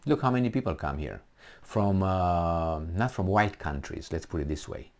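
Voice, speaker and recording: Originally from Romania, this man delivers blunt, defiant political commentary, casual and animated, full of restarts and fillers. His voice sits low and he talks at a normal speed.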